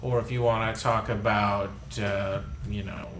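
A man hosting a casual podcast, laid-back and quick to laugh. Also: on the low side, fairly even intonation, a bit bright. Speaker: podcast host. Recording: echoey room with crowd noise.

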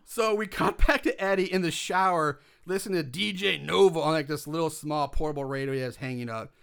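Man, movie recap podcast, casual chatter, high voice, bright tone. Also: fairly quick, gravelly, smooth. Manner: chatty, laughs often, swears casually, many fillers.

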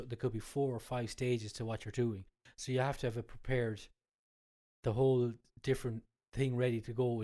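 This mellow, medium-pitched male voice belongs to an Irish man from Cork, a cook and cookery class instructor appearing as a guest. He has a cold, so he sounds congested and stuffy-nosed as he explains things casually, often repeating his points.

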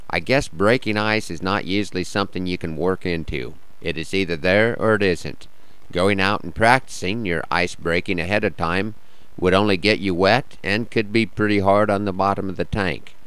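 An American man with a slightly rough, worn-out morning voice, hosting a radio show with wry, understated folksy storytelling and verse. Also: low-pitched, fairly bright tone, no echo, low-quality recording. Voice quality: a little rough and croaky. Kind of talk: scripted folksy monologue with cowboy poetry.

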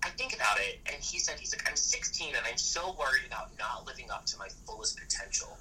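A man's voice: mid-range voice, fast talker, recorded from a distance, faint music behind, rough recording. A man in his early thirties, an actor and photographer, chatting casually and telling stories with lots of "like". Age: early 30s. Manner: chatty, animated storyteller with frequent "like". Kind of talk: casual conversation.

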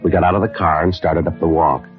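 Male actor as methodical detective, extremely low, matter-of-fact, clipped delivery; 1950s radio crime drama, dull vintage sound. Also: steady tone, fast, faint music behind, natural voice. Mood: deadpan. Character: terse, methodical male police detective narrating his case. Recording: muffled vintage radio recording.

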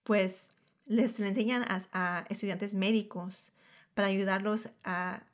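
Woman, Spanglish code-switching, medium pitch, casual podcast host. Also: steady tone, a little slow. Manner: Spanglish, switching between Spanish and English mid-sentence. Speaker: podcast host, dental professional. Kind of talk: casual conversation.

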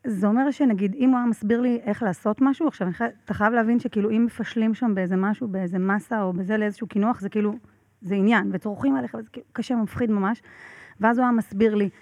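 Woman guest, casual storyteller, lively, many fillers, dry muffled lo-fi sound. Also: mid-range voice, no echo. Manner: animated, laughs often, many fillers. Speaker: podcast guest.

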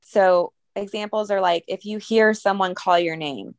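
Woman, podcast co-host, gravelly edge, dry close sound, chatty storytelling. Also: medium pitch, a little slow, no room sound. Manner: chatty storytelling with fillers and laughs. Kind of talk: casual chat.

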